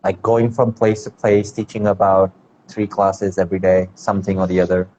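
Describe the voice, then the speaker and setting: A man from India, a dance teacher, speaking on a video call in a relaxed, rambling way full of "like"s. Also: deep voice, normal speed. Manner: relaxed, rambling, many fillers like "like". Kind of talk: casual video-call conversation. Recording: dull lo-fi video call audio with faint background noise.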